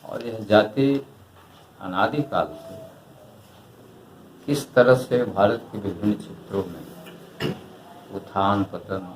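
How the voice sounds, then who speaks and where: An older man speaks slowly and thoughtfully, his voice sitting low. He answers an interviewer at length. The recording carries a roomy echo with faint background noise. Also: fairly even intonation. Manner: slow, measured, reflective. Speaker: retired writer and historian.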